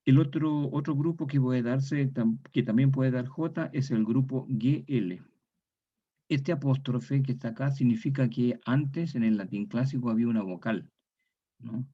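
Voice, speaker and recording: Male lecturer, mid pitch, methodical, repeats key terms, checks in with the class, lo-fi recording. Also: measured pace, husky. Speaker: lecturer in historical Spanish grammar. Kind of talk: university lecture.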